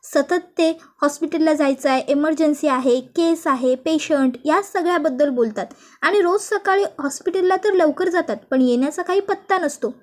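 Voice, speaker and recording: A woman's voice: sits high, moderate pace, darkish tone, natural voice. A woman voicing a young daughter-in-law who pleads and persuades. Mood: pleading.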